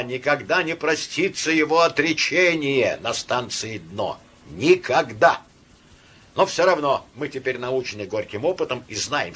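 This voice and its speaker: A man's voice: mid-range voice, fairly bright tone, slightly rough, voice pushed up. A man voicing a fervent young doctor, declaiming passionately.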